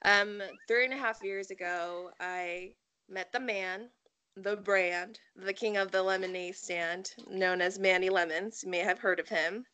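A woman's voice: medium pitch, steady tone, unhurried, sharp tone, smooth. A young woman from American Samoa, a wrestler guest chatting candidly with plenty of "you know" and "um". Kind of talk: casual interview chat.

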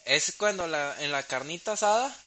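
Bright-voiced joking Mexican man. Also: fairly high pitch, animated, normal speed. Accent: Mexican Spanish. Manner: joking, laughs often, mimics people. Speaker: podcast co-host. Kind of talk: casual chat among friends. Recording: faint hiss.

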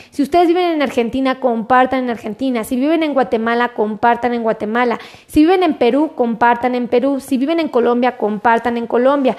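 A Mexican woman doctor talks straight to her viewers on a live stream from her office. Her voice sits high, and her delivery is chatty and friendly. She repeats her requests again and again. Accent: Mexican Spanish. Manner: chatty, warm, repeats her pleas to share. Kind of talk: casual live-stream health talk. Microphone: webcam or phone in her office.

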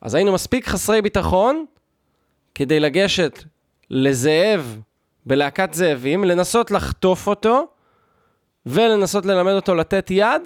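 Sarcastic man ranting, lively pitch. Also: no room sound, studio quality. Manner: sarcastic, mock-outraged; loose, talky, many fillers and restarts. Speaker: podcast host. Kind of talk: comedic rant monologue.

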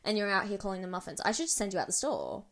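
Lively young woman co-host. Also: mid-range voice, vocal fry, a loud crowd. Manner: laughs often, quick reactions. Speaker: podcast co-host. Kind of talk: casual chat.

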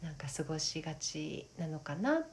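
Low-voiced woman, gently chatting over background noise. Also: sing-song, moderate pace. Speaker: podcast co-host. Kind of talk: casual wellness chat.

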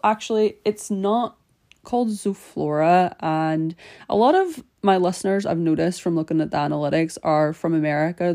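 Chatty Northern Irish woman, low gravelly voice. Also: mellow. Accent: Northern Irish with a slight Scottish twang. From Northern Ireland. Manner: chatty and rambling, with many fillers and laughs. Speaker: podcast host. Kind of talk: casual cleaning podcast chat.

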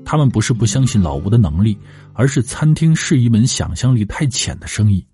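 A man reading the lines of a devoted wife who helped run a restaurant, in a calm, tender tone. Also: lowish voice, a little fast, breathy edge, dry recording, studio quality, soft background music, heavily acted.

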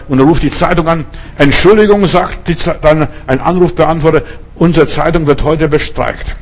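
A man's voice: on the high side, slightly rough. A middle-aged man from Germany preaching a sermon, telling stories emphatically and addressing the listeners directly.

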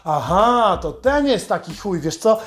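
A man's voice: high-pitched, very animated, measured pace. A man hosting a podcast, delivering a sarcastic, heavily profane satirical monologue. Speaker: podcast host.

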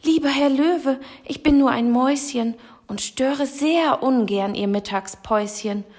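A woman's voice: sits high, unhurried, darkish tone, voice pushed up. A woman reading aloud and voicing a tiny, timid female mouse with a small, eager, pleading manner. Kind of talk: storybook read-aloud.

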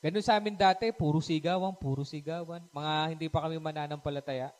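A man preaching a Taglish sermon at a live-streamed church service, lively and acting out family quarrels while often asking the crowd for agreement. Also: fairly high pitch, fast talker.

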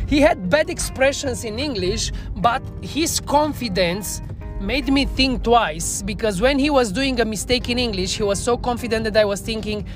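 Music plays in the background as a Romanian-accented bar trainer, guesting on a podcast, shares a frank, self-reflective story in English. Her voice is a little high and unhurried, her tone earnest, her phrasing that of a non-native speaker.

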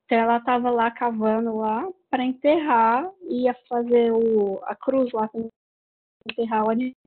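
Woman, Brazilian accent, rambling casual book chat, slightly high voice, phone-like audio. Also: fairly even intonation, normal speed. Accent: Brazilian Portuguese. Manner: rambling retelling with many fillers. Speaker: book reviewer. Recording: tinny phone-like sound.

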